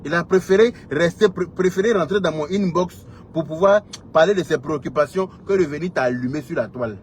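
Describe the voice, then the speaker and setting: Heated and scolding, this Ivorian French-accented social media commentator rants directly at listeners, full of repetition and rhetorical questions. His voice runs on the high side and a little fast, and some slight background noise is audible.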